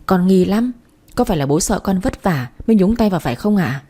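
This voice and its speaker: A woman's voice: fairly low pitch, expressive, a little fast, dark tone, slightly rough. A woman voicing a cheerful, curious young daughter who talks in a questioning way in a storybook reading.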